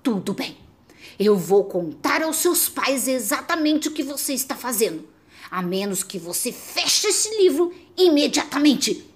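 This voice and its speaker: A woman's voice: very animated, unhurried. Woman doing a frantic, begging storybook voice. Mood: pleading. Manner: frantic, melodramatic pleading with wild pitch leaps. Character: desperate pleading storybook voice, male, begging reader.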